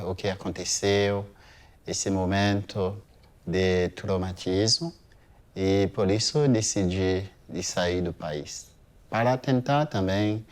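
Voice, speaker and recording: Slow, hesitant Haitian man in his thirties. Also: low-pitched, darkish tone. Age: 30s. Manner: slow, hesitant, many pauses and fillers. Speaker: interviewee. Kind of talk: museum testimony.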